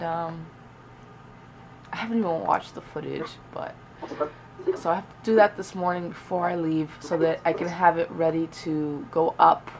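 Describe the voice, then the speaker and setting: Filming close-up on a camera in her small bedroom beside a window, a young adult woman chats casually, mutters and swears while working. Her voice is fairly low with vocal fry, and the low-quality recording has a little hiss or hum.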